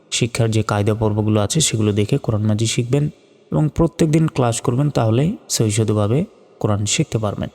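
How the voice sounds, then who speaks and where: A man teaching Quran recitation, carefully spelling out each letter and vowel mark, then chanting the words in long drawn-out tones. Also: medium pitch, vocal fry, warm tone, in a large hall. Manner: slow, deliberate spelling out, drawn-out melodic recitation.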